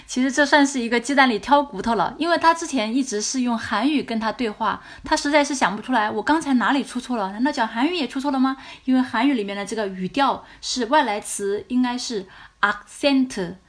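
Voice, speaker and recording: A woman teaching a language lesson, her voice sitting a little high. She talks at a brisk clip, patiently and with animation, as she walks through lines of dialogue one at a time. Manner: patient, animated explanations, mixing two languages. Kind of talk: explaining a drama scene line by line.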